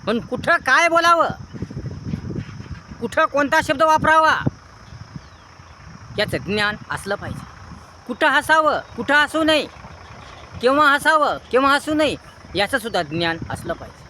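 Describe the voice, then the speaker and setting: A man with a fairly high voice delivers an earnest moral lecture. He piles up near-synonyms in long repetitive chains. Clear outdoor noise from a rural setting runs under his voice. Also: sing-song, measured pace, pauses often, sharp tone. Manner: earnest, preachy. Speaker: motivational speaker. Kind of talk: moral advice monologue.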